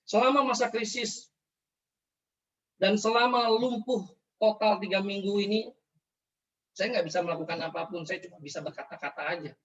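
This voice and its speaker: A man preaches an emotional testimony with fervent, repeating phrases. His voice sits high for a man. He is heard from a distance on a dull, lo-fi recording. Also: normal speed, pauses often. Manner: fervent, repetitive storytelling. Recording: distant mic, dull lo-fi sound.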